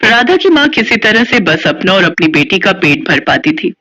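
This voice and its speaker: A woman narrating a scripted children's story with steady storytelling. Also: medium pitch, normal speed. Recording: dull lo-fi audio.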